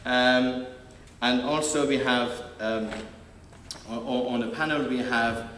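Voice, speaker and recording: A man moderating a panel introduces the speakers hesitantly, with many fillers and restarts. His medium-pitched voice is steady, slow, and fairly bright. The live recording comes from a distant mic in a large, echoey hall, with faint noise.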